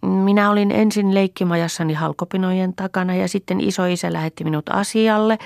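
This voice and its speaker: A woman voicing an eager, chattering little girl in a storybook reading, asking excited questions. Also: fairly low pitch, creaky, dry recording, clean studio sound, pitched above the performer's own voice.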